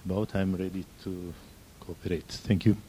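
A man introduces himself at a workshop in a measured, slightly halting way. His voice is low and mellow, with a faint rumble behind it. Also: little pitch movement. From Georgia. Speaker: think tank representative.

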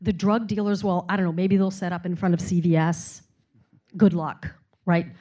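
A woman's voice: lowish voice, little pitch movement, moderate pace, warm tone. A woman answering a question on a discussion panel, emphatic and conversational.

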